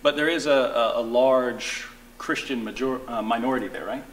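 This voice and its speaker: A man in his thirties hosting an interview, asking plain, direct questions and quick follow-ups. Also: medium pitch, a little hiss or hum. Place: small studio room with green wall.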